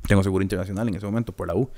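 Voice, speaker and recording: A young man with a Costa Rican Spanish accent and a deep voice talks very fast as a podcast co-host. In casual chat he tells a long, animated story, acting out the voices he quotes and laughing often.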